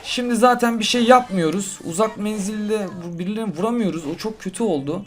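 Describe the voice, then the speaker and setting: A young man giving casual gameplay commentary to his viewers, excitable and quick to get frustrated. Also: high-pitched. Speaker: gaming YouTuber. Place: hot room at home.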